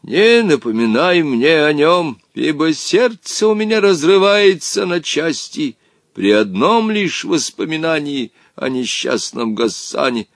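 A man voicing a vengeful ancient male genie who speaks pompously in slow, drawn-out phrases. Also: a little high, sing-song, dry recording, clean studio sound, voice pushed up. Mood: lamenting.

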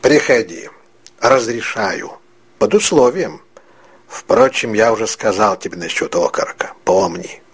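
A man voicing a gruff, threatening middle-aged vagabond who heads a poor family in an audiobook reading. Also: on the low side, very animated, a little slow, heavily acted. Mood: menacing. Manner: menacing, mock-theatrical threats.

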